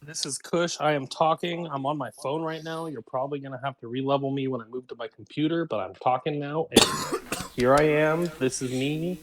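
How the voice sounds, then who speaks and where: A man talks over a phone mic, his voice sitting a little high and coming from some distance. He chats casually while he checks his level for a tabletop game. Clear crowd noise carries in behind him. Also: fairly even intonation, fairly quick. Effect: talking over a phone mic. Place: at home by the sink.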